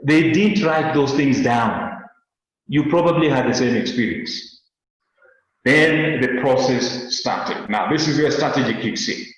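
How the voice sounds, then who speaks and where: Animated Kenyan man lecturing, very echoey. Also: mid-range voice, unhurried. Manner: earnest and animated, repeats words while searching. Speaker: webinar teacher. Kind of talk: lecture on a webinar. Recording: very echoey, dull lo-fi webinar audio.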